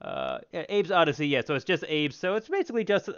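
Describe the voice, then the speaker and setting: A man's voice: on the high side, big pitch swings, quick pace, fairly bright tone, clear, resonant tone, highs cut off. A man hosting a casual gaming podcast, chatty and enthusiastic, often restarting his words. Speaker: podcast host.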